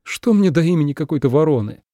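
A man voicing a sharp-tongued young songbird maiden who mocks and snaps back. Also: fairly high pitch, animated, fast talker, dry recording, clean studio sound, pitched above the performer's own voice, natural voice. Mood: sarcastic, snippy. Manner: snappish and mocking.

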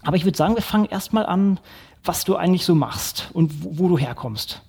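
A man hosting a casual interview podcast, talking in a relaxed, rambling way with many restarts. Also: high voice, fairly quick, vocal fry, slightly rough. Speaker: podcast host.

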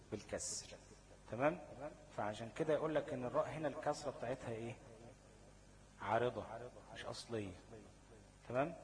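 A man's voice: medium pitch, low-quality recording. A man with an Egyptian accent teaching a recitation class, constantly quizzing students with "what?" and "okay?" checks. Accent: Egyptian Arabic. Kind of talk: classroom lesson. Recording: class chatter behind the voice.

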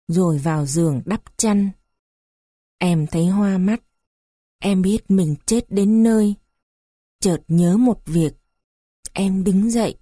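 A woman reading a story aloud in a slow, measured narration. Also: medium pitch, dark tone, no echo, clean studio sound.

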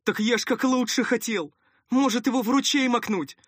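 A man's voice: extremely high pitch, normal speed, a bit bright, breathy edge, no room sound, studio quality, pitched above the performer's own voice, full character voice. A man voicing an eager, flustered young male servant who pleads anxiously in an audiobook.

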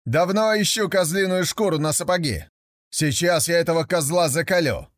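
A man playing a crafty young herdsman in a folk tale. He lifts his voice a little and calls out boastful challenges, loud and sure of himself. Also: on the high side, moderate pace, no echo, studio quality, pitched above the performer's own voice, close to an everyday voice. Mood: bold.

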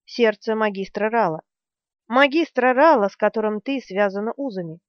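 A woman reading the part of a stubborn, calm young male hero in an audiobook, steady and earnest. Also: medium pitch, normal speed, no room sound, lightly acted. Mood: earnest resolve. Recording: dry, slightly dull studio sound.

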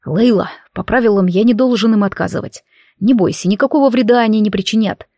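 A woman reader voicing a calm, steady adult male werewolf who is protective. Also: mid-range voice, fairly quick, no echo, studio quality, natural voice.

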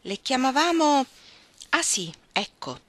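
A woman's voice: high voice, very animated, takes it slowly, no room sound, pitched above the performer's own voice, exaggerated voice. A woman voicing a spirited young noblewoman who used to be a man, musing aloud with sudden outbursts. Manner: musing, reflective, with sudden exclamations.

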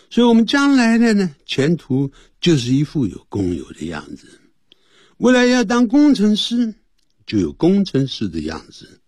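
A male English teacher on a radio lesson, his husky voice swooping high and low as he explains. He switches between Chinese explanation and slow, careful English readings, close to a dry studio mic. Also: darkish tone, no echo. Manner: explains Chinese and English in turn, reads phrases slowly.

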